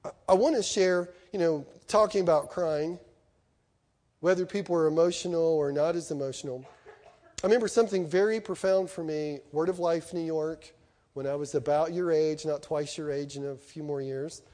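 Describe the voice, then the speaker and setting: A middle-aged man with a slightly high voice preaches an animated sermon to students at normal speed. He swings between loud and soft and acts out the voices he quotes.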